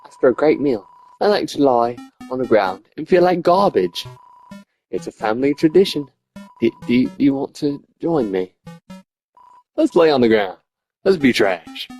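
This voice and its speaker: A man voices a shy, lonely, apologetic game character, reading the dialogue aloud in a put-on accent while stammering, hesitating, and putting himself down, for an awkward mood. His medium-pitched, darkish voice is very animated at a moderate pace with long pauses, over soft background music.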